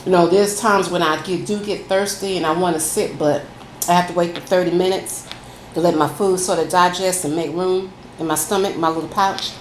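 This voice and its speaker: Casual mukbang host: woman with a lowish voice, folksy and chatty, recorded in a very roomy space. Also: fairly even intonation, brisk. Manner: folksy, addresses listeners as y'all. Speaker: food vlogger. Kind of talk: casual chatty mukbang, talking to viewers while eating. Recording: echoey room, faint background noise.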